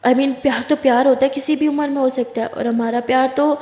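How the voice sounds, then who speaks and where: A woman's voice: high voice, fairly even intonation, a little fast, a little mellow, close to an everyday voice. A woman voicing a playful, teasing middle-aged maid who is wistful about an old love. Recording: echoey room with long reverb.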